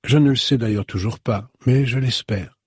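Quiet unsure woman, a man reading her, husky, dry. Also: mid-range voice, normal speed, no room sound, close to an everyday voice. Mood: calm. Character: calm, hesitant grown woman.

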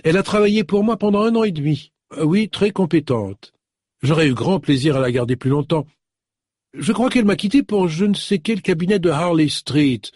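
A man's voice: a little high, normal speed, darkish tone, dry recording, clean studio sound, voice pushed up, lightly acted. A man reading an audiobook, voicing a chatty, rambling woman on the phone. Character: chatty contralto-voiced woman employer. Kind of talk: audiobook character voice.

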